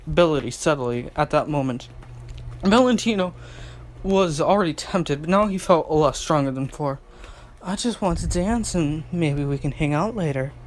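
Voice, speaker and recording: A man reading a fan story aloud, hurrying with stumbles and restarts. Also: on the high side. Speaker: fanfic reader.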